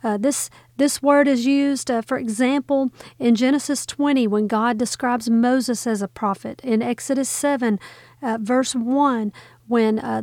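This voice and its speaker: A woman's voice: on the high side, a little mellow, dry recording, clean studio sound. A woman hosting a podcast, explaining Bible words in an earnest, teacherly way. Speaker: podcast host.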